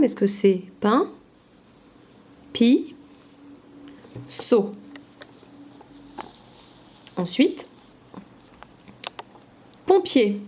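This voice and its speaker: Woman teacher, super slow phonics for small kids, clear syllables, kinda lo-fi sound. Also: medium pitch, a little mellow. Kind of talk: phonics lesson for young children.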